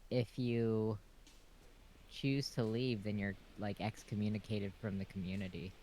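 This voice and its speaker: A man in relaxed casual chat, explaining things with lots of filler words. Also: lowish voice, unhurried, a little hiss or hum. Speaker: friend in chat.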